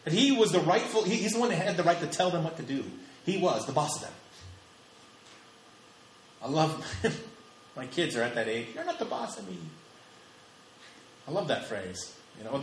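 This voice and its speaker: A man's voice: a little high, expressive, brisk, slight background noise. A man in his thirties preaching a sermon, emphatic and repeating phrases for stress. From United States. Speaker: pastor. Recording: echoey hall with faint ambience.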